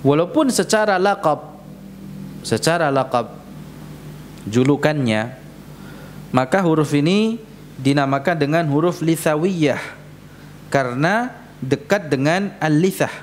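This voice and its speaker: Slow patient man teaching recitation. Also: fairly high pitch, animated, slight background noise. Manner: patient, repeats sounds slowly for students to copy. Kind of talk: tajweed lesson in a mosque. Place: prayer hall of a mosque.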